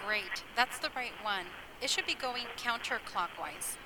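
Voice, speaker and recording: A woman in a scripted customer service role-play, speaking clearly and cheerily as a call centre agent. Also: a little high, lively intonation, measured pace, crowd noise. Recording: clearly noisy with loud background noise.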